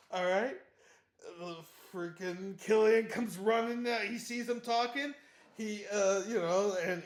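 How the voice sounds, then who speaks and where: A book reviewer giving a casual, animated chapter recap, slangy and laughing often. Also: mid-range voice. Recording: roomy echo.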